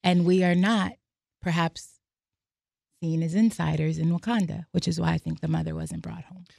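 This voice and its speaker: A woman's voice: lowish voice, steady tone, moderate pace, gravelly, a little mellow, no room sound. An American woman on a podcast, telling reflective personal stories and reading aloud from her journal. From United States. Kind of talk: casual podcast discussion.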